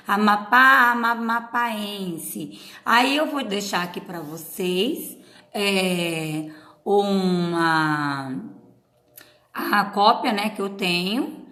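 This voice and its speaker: Middle-aged woman teacher with a Paraná accent, slow and bright, echoey room. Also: medium pitch. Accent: Brazilian Portuguese from Paraná. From Paraná, Brazil. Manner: patient, drawn-out syllables, frequent "tá?". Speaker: schoolteacher. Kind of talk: recorded remote class for children.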